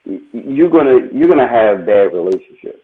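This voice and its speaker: A man talks through his view on a panel show, often restarting to rephrase. His voice arrives thin and tinny, like a phone call, and his pitch sits in the middle range. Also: very animated, normal speed. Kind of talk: casual talk show discussion.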